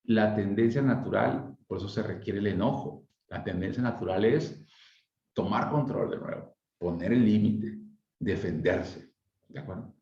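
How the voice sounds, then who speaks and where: A man talking through emotions in relaxed conversation, often pausing to ask rhetorical and tag questions. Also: lowish voice, vocal fry. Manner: reflective, asks rhetorical questions, frequent tag questions. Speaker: speaker on emotional wellbeing. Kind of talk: conversational explanation. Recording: echoey lo-fi room sound.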